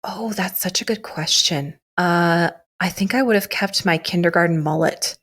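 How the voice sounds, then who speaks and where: A woman's voice: on the low side, moderate pace, a bit bright. A woman in her thirties co-hosting a podcast, chatty and self-deprecating, often laughing. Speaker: podcast co-host. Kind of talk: casual chat.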